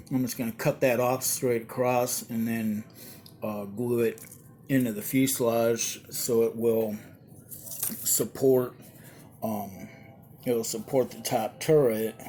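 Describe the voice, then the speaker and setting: A man's voice: mid-range voice, mellow, a little hiss or hum. Rambling man giving a casual hobby update. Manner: rambling, many fillers and restarts. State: yawning, tired. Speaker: hobbyist model builder.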